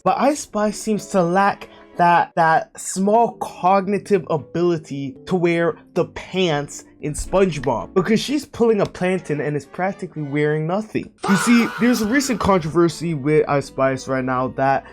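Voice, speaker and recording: A man's voice: a little high, soft background music. Earnest man lecturing in commentary. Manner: earnest, lecturing, slows on key words. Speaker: online commentator. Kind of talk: casual reaction commentary.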